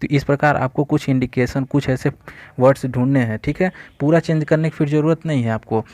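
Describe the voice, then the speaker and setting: A man explaining English grammar quiz answers in a steady teaching manner, often checking in with "theek hai.". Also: mid-range voice, brisk, dry recording. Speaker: exam-prep teacher.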